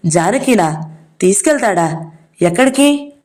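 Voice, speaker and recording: A woman voicing a quick-tempered young man who shouts and hurls scornful insults at his sister's husband. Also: mid-range voice, natural voice. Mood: alarmed.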